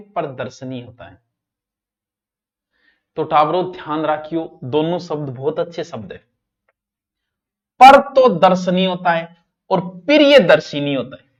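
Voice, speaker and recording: A male teacher with a Rajasthani accent giving an exam-prep grammar lesson, talking straight to his students and swinging between loud and soft. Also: fairly high pitch. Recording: dull lo-fi online class audio.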